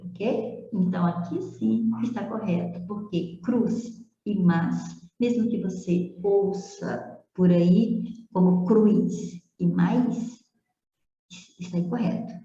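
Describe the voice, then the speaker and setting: A woman language teacher talks slowly and methodically, with a very dark, mellow tone. She steps through each exercise and checks in with short questions. The recording sounds dull and a little roomy. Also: lowish voice. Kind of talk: explaining phonetics exercises.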